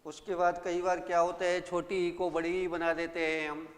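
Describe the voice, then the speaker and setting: A male teacher giving a grammar lesson, who repeats each word slowly and asks his own questions and answers them. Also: high voice, monotone, in a large hall.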